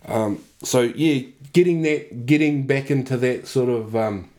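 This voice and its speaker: A man's voice: medium pitch, unhurried, mellow. Blunt, sweary middle-aged New Zealand man. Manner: blunt, sweary, punctuated with "you know" and "man". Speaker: interview guest. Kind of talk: casual, candid conversation.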